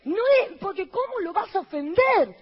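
With an Argentine Spanish accent, a woman pastor delivers a lively sermon to her congregation at a normal speed, peppering them with rhetorical questions. When she quotes people, she imitates them in a low, mocking voice. The sound quality is lo-fi.

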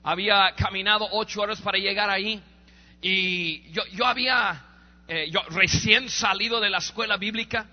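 A man preaching a sermon as a story, animated and acting out voices, stammering when excited. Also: sits high, moderate pace. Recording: reverberant hall, dull lo-fi sound.

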